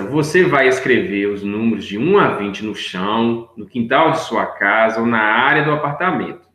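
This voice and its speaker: Recorded in an echoey space, a man with a mid-range, slightly bright voice teaches young children, patiently explaining worksheet answers step by step. He keeps checking in with his listeners using phrases like "right?" and "look here."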